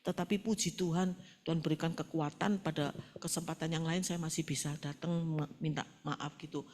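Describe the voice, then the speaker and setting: A woman's voice: sits low, normal speed. A middle-aged woman pastor preaching a sermon, telling stories with quoted dialogue in a colloquial style and often addressing the congregation directly. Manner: animated storytelling with quoted dialogue.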